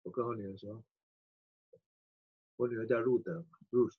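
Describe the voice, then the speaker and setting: Husky middle-aged pastor telling a story. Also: male voice, lowish voice, normal speed, phone-quality sound. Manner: animated storyteller acting out quoted voices. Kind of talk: sermon storytelling.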